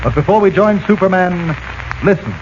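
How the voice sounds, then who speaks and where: A man announcing a radio serial in booming, emphatic 1940s style, heard through an old radio broadcast. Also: lively intonation, moderate pace, noisy background. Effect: old 1940s radio broadcast sound. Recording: muffled 1940s radio transcription.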